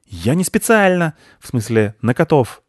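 Reading a storybook, a man plays a shrieking, greedy female squirrel in a fairly high, sing-song voice raised above his own, at a moderate pace. The studio sound is clean and dry, and the character rants in a frantic, agitated, paranoid way.

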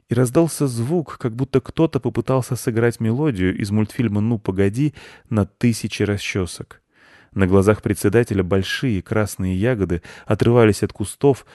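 A man calmly narrating a scripted children's story. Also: on the low side, dry recording, studio quality. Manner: calm, even storytelling.

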